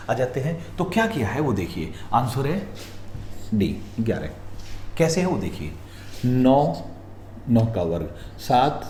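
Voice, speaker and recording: A man teaching reasoning practice questions, walking through each answer step by step and telling viewers to pause and look carefully. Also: fairly low pitch, dark tone. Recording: echoey room, faint noise.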